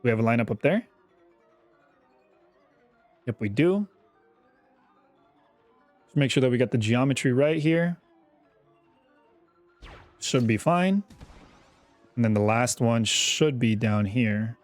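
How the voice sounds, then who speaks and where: A young man giving casual, chatty commentary over his own gameplay, often repeating himself and getting excited. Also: medium pitch, slow pace, long pauses, no room sound, faint music behind. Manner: chatty, self-talking, repeats words, excitable. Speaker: gaming YouTuber.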